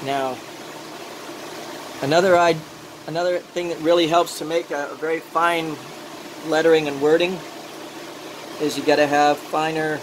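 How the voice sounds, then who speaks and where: A man's voice: on the high side, normal speed, long pauses. A man giving an informal hands-on demonstration, rambling as he talks himself through steps, with slightly mushy, toothless articulation. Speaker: glassworking instructor. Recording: loud steady torch or engine-like noise.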